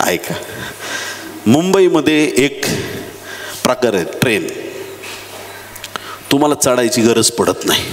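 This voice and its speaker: A man preaching a dramatic sermon in a church, dropping to low murmurs and rising to high shouted appeals. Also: sing-song, slow pace, pauses often. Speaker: pastor. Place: church hall. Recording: echoey hall with faint background noise.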